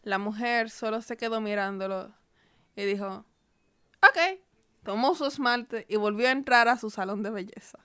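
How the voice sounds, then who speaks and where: A woman co-hosting a casual podcast, narrating a story in a dry, deadpan way. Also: mid-range voice, moderate pace, clear, resonant tone. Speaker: podcast co-host.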